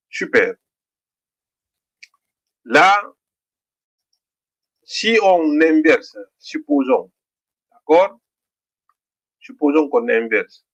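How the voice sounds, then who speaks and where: A middle-aged man with a Guinean French accent teaching a literacy lesson, slowly sounding out syllables and often checking in with the class. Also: a little high, creaky, fairly bright tone, husky. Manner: slow, deliberate, repeats each sound; checks in with "d'accord?".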